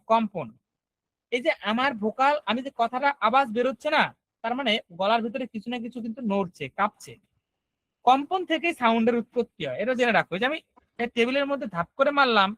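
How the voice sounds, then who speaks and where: A man's voice: very high-pitched, a bit bright, no room sound, poor audio. A man teaching an online class, explaining step by step and often checking whether students follow.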